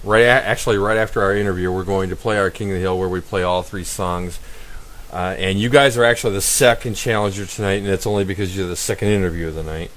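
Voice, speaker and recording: Rambling, low-voiced male radio host. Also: fairly even intonation, quick pace, a bit bright. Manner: rambling, enthusiastic, many fillers. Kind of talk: casual radio interview.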